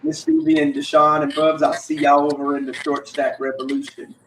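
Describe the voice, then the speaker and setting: A man with a slightly high but hoarse and gravelly voice hosts a casual online panel. He sounds raspy and congested, with halting phrasing. The sound is echoey and set back from the mic. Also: big pitch swings, noisy background. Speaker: host of a panel discussion. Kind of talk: casual live-stream chat. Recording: roomy echo, distant mic.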